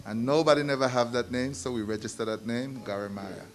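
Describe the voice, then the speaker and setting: A man who owns a shop, telling stories in a relaxed way during an interview. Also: mid-range voice, a little fast. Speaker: shop owner. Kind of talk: casual interview answers.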